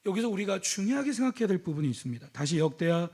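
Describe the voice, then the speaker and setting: A male pastor with a high voice preaches a sermon at a racing pace, with big pitch swings and a breathy edge. He shifts suddenly between loud exhortation and hushed, intimate speech, asking the congregation questions and calling out hallelujah.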